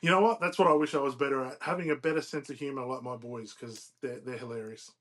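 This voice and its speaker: A man, a podcast guest, chatting in a halting way with many restarts. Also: medium pitch, steady tone, a bit bright. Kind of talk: casual podcast chat.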